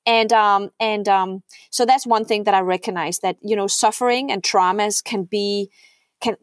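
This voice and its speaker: This heartfelt podcast conversation features a middle-aged woman from Denmark with a mid-range voice, sounding earnest as a guest. Repeated words and frequent "right?" check-ins mark her speech, and the studio audio is clean and dry.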